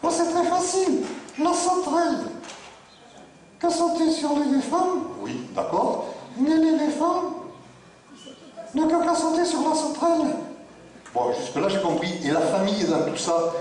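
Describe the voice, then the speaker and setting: A man's voice: very animated, measured pace, long pauses, a little mellow, full character voice. A male ventriloquist voicing a cheeky female puppet who acts dumb and cracks jokes. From Australia. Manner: sassy, smart-alecky, squeaky. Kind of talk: ventriloquist act. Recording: roomy hall, far from mic, crowd.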